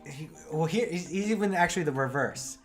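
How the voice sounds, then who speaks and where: Rambling deadpan man on a podcast. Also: a little high, a little fast, faint music behind. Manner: rambling deadpan tall tales with fillers. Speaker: podcast co-host. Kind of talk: casual comedic banter.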